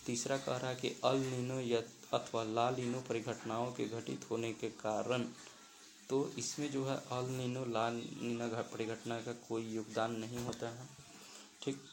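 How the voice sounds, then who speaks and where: A man's voice: medium pitch, a little hiss or hum, poor audio. A man teaching as he explains quiz questions and walks through each option step by step, slipping English terms into his talk. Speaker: exam-prep teacher.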